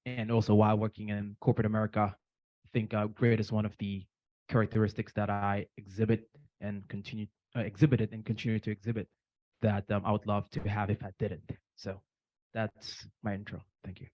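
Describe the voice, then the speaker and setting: Earnest man with a low, flat voice. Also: no room sound, highs cut off. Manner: earnest, many "um" pauses. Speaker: startup CEO, panelist. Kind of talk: panel self-introduction. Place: conference hall.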